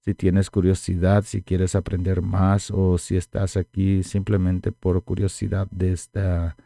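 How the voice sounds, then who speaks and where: Slow, deep-voiced man teaching a lesson. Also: completely flat delivery, vocal fry, dark tone, no echo. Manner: slow, explanatory, repeats words for learners. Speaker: language teacher. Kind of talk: casual online language lesson.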